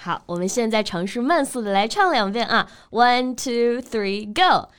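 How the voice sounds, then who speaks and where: A woman co-hosting a bilingual English lesson, chatting cheerfully, laughing often and singing lines slowly to teach them. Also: a little high, expressive, clean tone. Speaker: co-host of an English lesson show.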